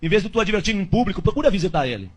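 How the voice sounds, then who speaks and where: A man voicing his devout wife, who talks calmly and softly as she gives advice. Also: high-pitched, very fast, slightly rough, pitched below the performer's own voice, exaggerated voice. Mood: earnest. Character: devout gentle wife giving advice, woman.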